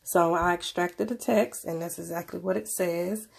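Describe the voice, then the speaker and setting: A woman video presenter talks through a casual gadget review. Her voice is on the low side, with a lot of gravelly fry, and she sounds stuffed up with a cold. Her delivery is informal and conversational. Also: fairly even intonation, normal speed. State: sick with a cold, stuffy nose. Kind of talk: casual tech review narration.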